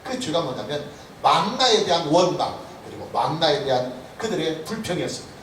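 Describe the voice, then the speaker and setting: A male pastor delivering an expository sermon, with sharp rises and drops in emphasis. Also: fairly high pitch, lively intonation, fairly quick. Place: church sanctuary. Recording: echoey church hall, speaker far from the mic, light background noise.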